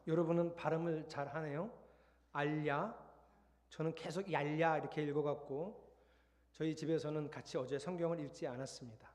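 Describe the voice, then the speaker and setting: A man's voice: on the high side, fairly even intonation, brisk, darkish tone. A man preaching a Sunday sermon as pastor in a conversational style that builds to emphatic points. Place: church sanctuary. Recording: long hall reverb.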